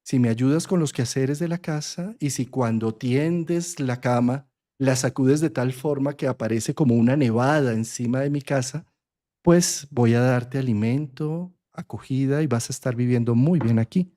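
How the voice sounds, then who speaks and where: A man voicing a kindly old witch who slowly coaxes a girl into her house. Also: mid-range voice, mellow, natural voice. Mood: coaxing. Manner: slow, coaxing. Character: old witch of the underworld, ugly but kindly.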